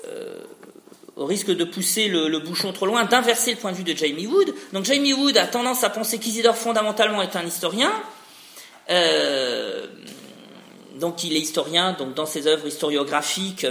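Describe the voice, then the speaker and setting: Lively high-voiced man lecturing in an echoey room. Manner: discursive, frequent hein tags and restarts. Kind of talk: academic lecture. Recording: roomy echo.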